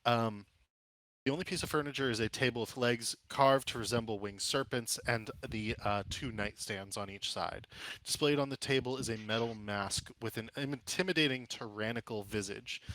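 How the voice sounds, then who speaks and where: A man acting as game master, improvising descriptions for a tabletop game in a halting, descriptive way. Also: mid-range voice, fairly bright tone, slight background noise, low-quality recording.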